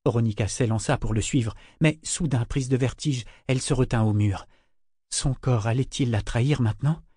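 A man narrating a novel in an even, measured storytelling voice, pitched at an ordinary middle level. The sound is close and dry, with no room echo. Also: breathy edge. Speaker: audiobook narrator.

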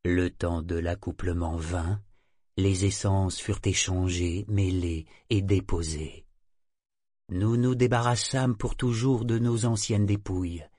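A man voicing an ancient male sea serpent leader who speaks softly and gravely, without emotion. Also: no echo, studio quality, full character voice. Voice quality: husky, low and unhurried. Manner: soft, emotionless, slow and grave. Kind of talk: audiobook character voice.

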